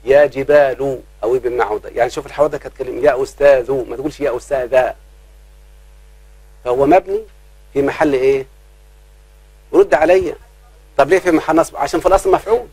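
A man with an Egyptian accent teaching grammar in a live class, checking often whether students follow and drawing out his examples slowly. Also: medium pitch, steady tone, darkish tone, husky, no room sound, rough recording. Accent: Egyptian Arabic. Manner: keeps quizzing students, slows down to drawl examples.

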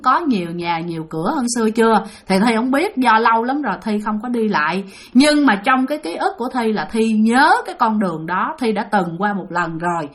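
A woman with a Southern Vietnamese accent telling a ghost story in a lively, dramatic way, speaking straight to her listeners. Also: a little high.

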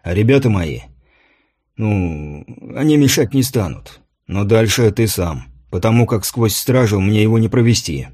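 A man's voice: fairly low pitch, lively intonation, measured pace, a little mellow, husky. A man doing a plain-spoken guard sergeant. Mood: earnest.

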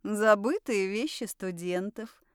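A woman's voice: medium pitch, takes it slowly, clear, resonant tone, dry recording, studio quality, close to an everyday voice. A woman reading an audiobook voices a cocky young man who drawls his lines with irony. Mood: teasing. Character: young handsome man, smug and teasing.

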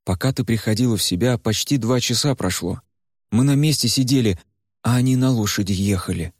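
A man voicing a protective male fire spirit in a measured, steady way. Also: medium pitch, no echo, clean studio sound, lightly acted. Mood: grave. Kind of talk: audiobook character voice.

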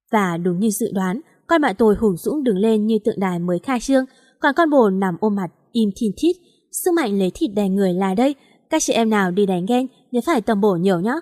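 A woman reading a first-person story aloud in a lively manner, voicing the characters' lines. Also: medium pitch, dry recording, studio quality. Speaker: story reader.

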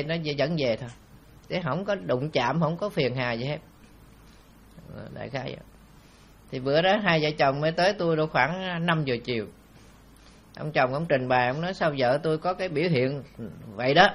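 A man's voice: fairly high pitch, brisk, pauses often, a bit bright. A man, a Buddhist monk giving a rambling, conversational dharma talk full of anecdotes and fillers.

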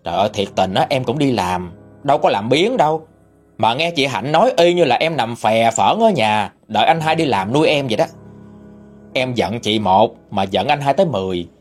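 A man narrating a first-person story in an expressive, indignant manner. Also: mid-range voice, normal speed, soft background music.

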